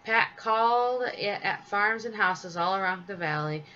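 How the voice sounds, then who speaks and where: Woman storybook reader, measured and expressive, slightly dull recording. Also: medium pitch. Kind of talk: reading a children's story aloud. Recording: slightly dull with faint hiss.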